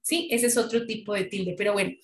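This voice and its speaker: This woman's online French lesson comes through a computer mic on a video call in an echoey room. She speaks at a medium pitch, steady and fairly quick, patiently explaining and frequently making sure students follow.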